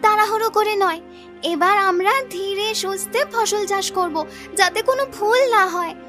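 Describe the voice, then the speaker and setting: A woman voicing a calm, sensible young sister in a cartoon, speaking softly and steadily. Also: extremely high pitch, normal speed, soft background music. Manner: soft, steady, hushed.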